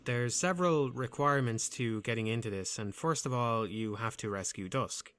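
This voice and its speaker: A man with a smooth, soothing, medium-pitched voice reads scripted game commentary, staying calm and measured with a dry, wry touch.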